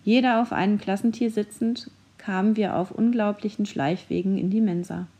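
Mellow woman reading a children's story. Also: medium pitch, steady tone, normal speed, husky. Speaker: narrator. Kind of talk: children's audiobook narration.

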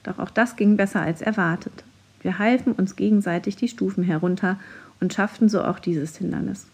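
Breathy woman reading a children's story. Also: medium pitch, moderate pace, a little mellow.

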